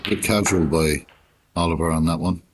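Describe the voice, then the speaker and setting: A man with an extremely low voice gives quiet, unhurried commentary in the style of a golf broadcast. His phrases are short and measured, with long gaps left between them, over clearly audible background noise. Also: steady tone. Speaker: snooker commentator.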